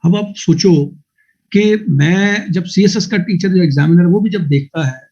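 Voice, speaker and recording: High-pitched scolding grammar teacher. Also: male voice, a little slow, darkish tone, muffled recording, a little hiss or hum. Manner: scolding, emphatic, mixes English phrases into his lecture. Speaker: English teacher. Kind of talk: exam-prep grammar lecture.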